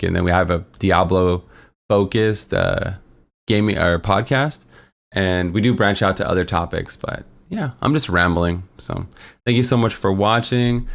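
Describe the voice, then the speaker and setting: With a low, creaky voice that's starting to give out, a male gaming creator goes over a game build tier list. His delivery is casual, upbeat and meandering, packed with fillers, and his voice is a bit worn.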